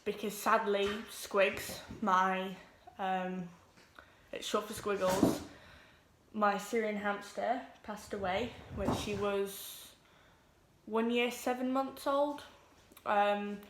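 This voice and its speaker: A teenage girl, introducing her vlog at home, nervous and quick, with lots of ums. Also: medium pitch, fairly even intonation, echoey room, background noise. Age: teens. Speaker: vlogger. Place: home room with pets.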